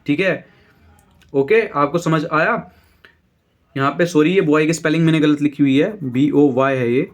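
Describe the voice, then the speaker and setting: A man teaching an English grammar lesson in Hindi. He asks and answers his own questions, checks in often with "ठीक है", and slows down to read the English example sentences. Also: on the high side.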